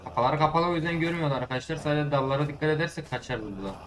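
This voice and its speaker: Excitable teen gamer shouting commentary. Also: male voice, a little high, very fast, crowd noise. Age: late teens. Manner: excitable, swears, shouts at the game; chatty, talks to his viewers. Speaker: gaming YouTuber. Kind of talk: let's play commentary. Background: game music.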